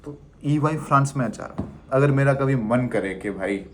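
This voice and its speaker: A man's voice: mid-range voice, normal speed, slight background noise. Chatty young man vlogging to camera. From India. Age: 20s. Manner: animated, chatty, teasing the viewer as "bhai". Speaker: travel vlogger. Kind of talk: casual chat to camera.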